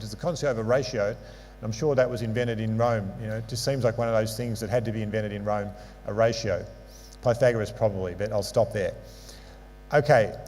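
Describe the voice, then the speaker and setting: With hall reverb and a mains hum in the recording, a man with a non-local English accent presents a sports medicine conference lecture with slides in a lecture hall. He explains ideas patiently, drops dry asides, and has a medium-pitched, darkish voice.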